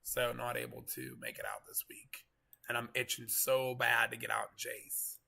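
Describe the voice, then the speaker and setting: Gravelly-voiced man, congested, streaming live. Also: medium pitch, very animated, normal speed, pushed and bright. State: congested, getting over a cold. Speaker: live weather stream host, storm chaser. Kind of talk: casual live storm coverage commentary.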